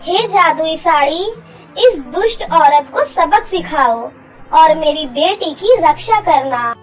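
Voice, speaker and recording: A woman's voice: very high voice, expressive, slow pace, soft background music, heavily acted, poor audio. A woman voicing the protective magical spirit of a girl's dead mother in a cartoon story. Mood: stern. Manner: tender to daughter, stern to the wicked.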